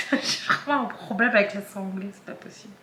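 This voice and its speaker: A woman's voice: medium pitch, brisk, sharp tone, reverberant. A woman vlogger chatting casually and hesitantly, with many fillers and restarts. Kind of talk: casual chat.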